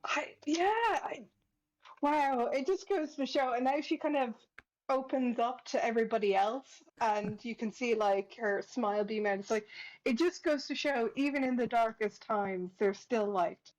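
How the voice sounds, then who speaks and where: A woman's voice: a little high, unhurried, darkish tone, low-quality recording. A woman playing a tabletop game over voice chat, chattily describing what her character does. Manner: chatty, descriptive, fillers and restarts. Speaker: player. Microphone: headset or desk mic over voice chat.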